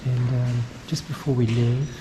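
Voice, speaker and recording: A man narrating a casual travel vlog in a halting, rambling way, with plenty of ums. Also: medium pitch, flat delivery, over music. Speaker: travel vlogger.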